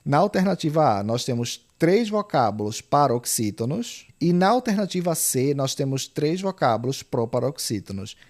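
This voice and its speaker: A man's voice: on the high side, sing-song, normal speed, few pauses, darkish tone. A man with a Brazilian Portuguese accent teaching an online grammar lesson for exam prep. He explains step by step, often checks in with the listener, and pushes key warnings with urgency. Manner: stresses key points with emphatic, urgent appeals.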